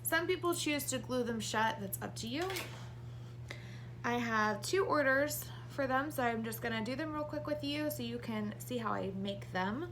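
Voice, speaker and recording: A woman's voice: a little high, normal speed, a bit bright, a little hiss or hum. A woman in her thirties, heavily pregnant and short of breath, giving a casual hands-on craft tutorial to camera. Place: small indoor craft room.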